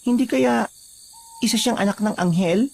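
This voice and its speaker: A man's voice: high-pitched, normal speed, gravelly, darkish tone, pitched above the performer's own voice. A man voicing a cautious, worried village mother.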